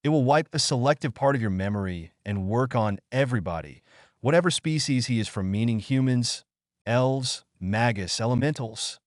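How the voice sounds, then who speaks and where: A man voicing a secretive young male wizard in a read-aloud story, speaking calmly with a harsh, knowing edge. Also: mid-range voice, normal speed, no room sound, clean studio sound, close to an everyday voice. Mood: smug. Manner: calm, cutting, knowing. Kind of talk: audiobook character voice.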